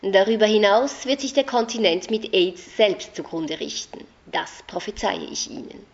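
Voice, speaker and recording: A woman's voice: medium pitch, expressive, moderate pace, natural voice. A woman reading the part of a cold, opinionated surgeon's wife who talks down to her guests, in a slightly muffled recording. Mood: cold, dismissive. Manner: cold, prophesying, dismissive.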